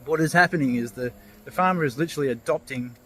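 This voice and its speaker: A man's voice: on the high side, fast. A man vlogging while out on a walk, casually telling a fable and musing on feelings. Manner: relaxed, loose, with fillers and restarts. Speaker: motivational vlogger. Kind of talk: casual storytelling vlog. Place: outdoors on a walk.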